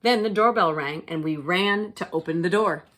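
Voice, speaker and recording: A teacher with a lowish voice reads a children's storybook aloud, and she shapes each line deliberately and expressively for little ones.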